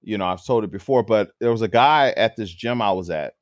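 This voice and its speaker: A man's voice: lowish voice, a little fast, dry recording. A man in his forties, a guest powerlifter telling stories in a casual podcast chat and acting out the dialogue. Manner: lively storyteller who acts out the dialogue in his stories.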